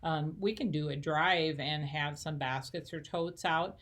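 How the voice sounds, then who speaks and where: Low-voiced woman chatting casually. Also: measured pace. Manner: chatty, many fillers, laughs easily. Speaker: church missions coordinator. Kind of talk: casual chat.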